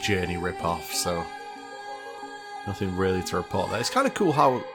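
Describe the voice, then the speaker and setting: A man's voice: low-pitched, lively intonation, moderate pace, loud music behind the voice. A man reacting to a game showcase in blunt, sardonic casual commentary. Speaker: streamer.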